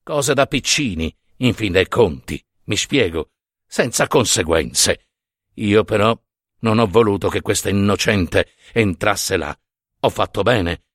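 A man's voice: fairly low pitch, expressive, unhurried, fairly bright tone, no echo, clean studio sound, pitched below the performer's own voice. A man voicing a burly, mocking middle-aged overseer who talks down to an old man in a dramatized story reading. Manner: swaggering, sneering, condescending.

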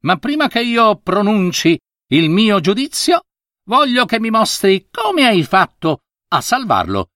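A shrewd she-monkey sitting as judge in a storybook, her harsh voice pitched high and pressing her point, as a man puts her on. The sound is dry and close. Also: wildly swooping pitch, unhurried, fairly bright tone, no room sound, exaggerated voice. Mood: insistent. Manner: pushy, insistent. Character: shrewd female monkey judge, sharp-tongued.

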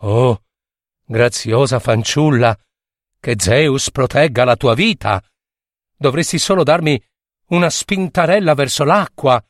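A man voicing a sly, theatrical male dolphin with a high, exaggerated, sighing voice in a storybook reading. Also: slow pace, no echo, studio quality, lightly acted. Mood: pleading. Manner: pleading, overacted, like a comedian.

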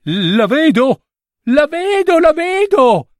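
A man voicing a blind young prince in a fairy tale, crying out high and excited, repeating himself. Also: moderate pace, husky, dry recording, full character voice.

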